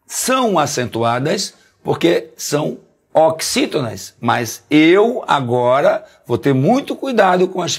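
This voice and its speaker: A man's voice: on the high side, slightly rough. A Brazilian man teaching a Portuguese grammar lesson, explaining step by step and often checking with "tá certo?", stretching out key syllables. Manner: didactic, keeps asking "tá certo?"; sing-song, stresses syllables slowly.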